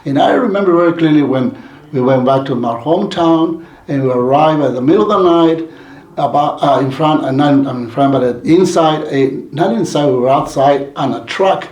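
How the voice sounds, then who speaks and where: A man's voice: a little high, normal speed, darkish tone. A man from Mexico telling his life story in an interview, rambling with many restarts and fillers. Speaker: community leader guest. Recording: roomy echoey sound.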